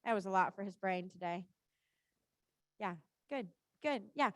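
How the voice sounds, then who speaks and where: A woman's voice: mid-range voice, lively intonation, unhurried, no room sound, studio quality. A woman working as a riding coach, calling out short, repeated cues live in an encouraging, informal and reassuring way.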